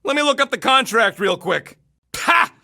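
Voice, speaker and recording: An actor voicing a cocky, irritable raccoon mercenary in a video game, with a rough street-tough voice and brash, sarcastic, slangy delivery. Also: male voice, very high-pitched, lively intonation, normal speed, pushed and bright, exaggerated voice. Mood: taunting, agitated. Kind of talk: video game character barks.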